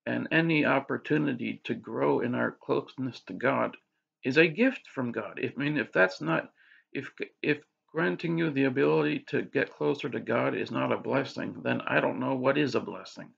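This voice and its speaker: A man's voice: medium pitch, normal speed, vocal fry, fairly bright tone, husky. A man vlogging casually about faith, rambling with restarts and filler words. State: hiccups. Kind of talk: casual religious monologue to camera. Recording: dull lo-fi audio.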